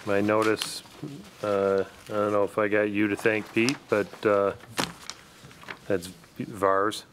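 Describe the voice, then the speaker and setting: A man with a lowish voice chairs a town planning board meeting, steering talk in a relaxed, casual manner with lots of "uh"s. The recording comes over a video call with faint background noise. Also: slow pace. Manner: relaxed, filler-heavy chairing.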